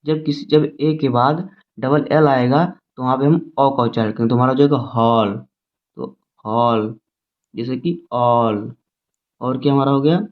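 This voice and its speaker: A man teaching English phonics in a slow, repetitive classroom style, spelling words out letter by letter. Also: medium pitch, steady tone. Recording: tinny phone-like audio.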